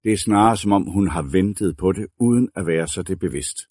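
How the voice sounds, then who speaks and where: A man reading a novel aloud as a narrator, in a measured, deliberate way. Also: sits low, a little mellow, husky, no room sound, clean studio sound. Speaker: audiobook narrator. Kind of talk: scripted narration.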